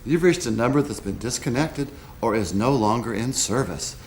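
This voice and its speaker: Male actor as a dismissive recorded phone announcement, curt man, rumbling, slightly noisy film audio. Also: expressive, normal speed, darkish tone, lightly acted. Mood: flat dismissal.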